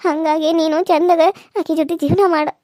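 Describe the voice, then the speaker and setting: A woman's voice: sits high, flat delivery, mellow, no room sound, clean studio sound, close to an everyday voice. A woman voicing a distressed young village wife in a cartoon serial, pleading and tearful. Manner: pleading, tearful, fast and pressing.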